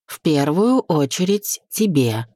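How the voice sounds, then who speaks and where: A woman reading the part of a young husband and boss who is teasing, commanding and tender by turns, in a low, mellow voice. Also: very animated, slow pace, no echo, clean studio sound, full character voice. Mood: teasing, bossy. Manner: playful, bossy, tender. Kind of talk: audiobook reading.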